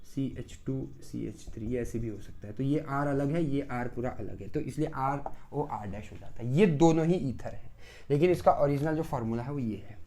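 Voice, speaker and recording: This lecturer, moderately paced with a mid-range voice, teaches pharmacy chemistry on a recording. Loud outbursts alternate with quiet asides, while he quizzes the class, supplies his own answers and hammers key terms again and again.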